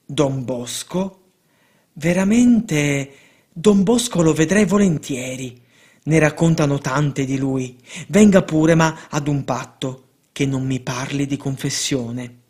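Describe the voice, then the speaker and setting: A man's voice: fairly high pitch, takes it slowly, darkish tone, breathy edge. A man reading the lines of a stubborn, wealthy sick man who sets terms and brushes things off.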